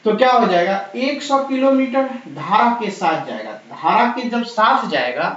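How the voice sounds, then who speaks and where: A man's voice: high voice, animated, a little slow, a bit bright. A male math teacher, talking through exam problems step by step and repeating the numbers aloud in an encouraging way. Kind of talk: exam-prep math lesson. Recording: very echoey, dull lo-fi room sound.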